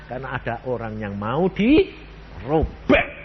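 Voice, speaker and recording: A man's voice: mid-range voice, huge pitch swings, slow, highs cut off. A man, preaching a sermon and firing rhetorical questions at the congregation. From Central Java, Indonesia. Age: 80s. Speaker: evangelist preacher.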